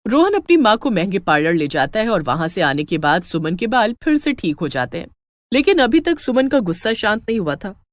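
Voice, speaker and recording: A woman narrating a storybook cartoon in an expressive, lively way. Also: mid-range voice, a little fast, dry recording.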